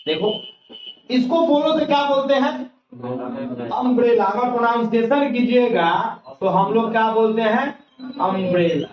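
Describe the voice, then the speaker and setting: A man's voice: extremely high pitch, normal speed, pauses often. A male grammar teacher giving a colloquial classroom lecture, explaining step by step and asking and answering his own questions. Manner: folksy, colloquial teaching style. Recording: echoey, distant, dull lo-fi classroom recording.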